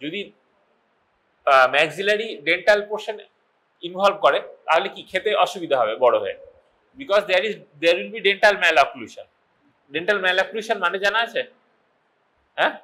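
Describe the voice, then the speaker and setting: A man with a Bengali accent lectures medical students, moving between English and Bengali and calling on the class with quick informal questions. His voice sits high and bright, and his pace is slow and deliberate. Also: expressive, rough recording.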